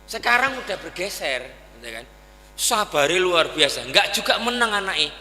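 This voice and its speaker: Bright-voiced man preaching in an echoing hall. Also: high voice, sing-song, moderate pace. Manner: folksy, conversational, often asking for the audience's agreement. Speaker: Islamic preacher. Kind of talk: sermon. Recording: echoey hall with long reverb.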